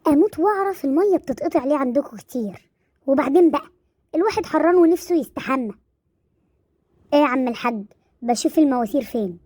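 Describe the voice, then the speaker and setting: Woman voicing a whiny little egyptian pet girl, high and soft, mellow, dry. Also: animated, fast talker, long pauses, dry recording. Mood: fussy. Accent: Egyptian Arabic. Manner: singsong and complaining. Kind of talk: comic animal dub.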